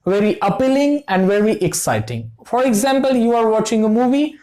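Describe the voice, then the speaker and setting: A woman gives a slow, careful vocabulary lesson. Her voice sits a little high for a woman. She repeats every example and says "okay" before each explanation. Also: expressive, dark tone, poor audio. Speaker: English teacher.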